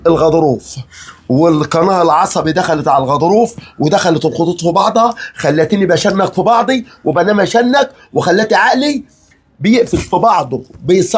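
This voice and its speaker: A performer gives us a bullying middle-aged father-in-law with an Egyptian accent. His voice is husky and mid-pitched, and he taunts and rants in a comedy sketch. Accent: Egyptian Arabic. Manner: barking threats, mocking repeats, rambling rants.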